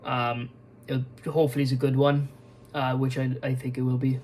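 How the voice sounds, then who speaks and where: A man's voice: medium pitch, monotone, moderate pace, a little mellow, slight background noise, poor audio. A young man talking casually as an MMA video host, rambling with many fillers, restarts and frequent swearing, tired and yawning. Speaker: MMA YouTuber. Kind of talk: casual news commentary vlog.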